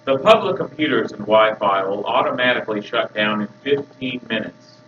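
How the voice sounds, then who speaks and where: A man's voice: lowish voice, animated, moderate pace, far from the mic. A man making a formal closing announcement over a library intercom. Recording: echoey, faraway, dull loudspeaker with noise.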